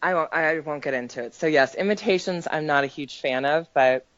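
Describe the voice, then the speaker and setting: A woman's voice: sits low, a little fast, no echo. Teasing female podcast co-host. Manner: teasing, chatty. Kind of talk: casual sports chat. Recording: dry, dull lo-fi podcast audio.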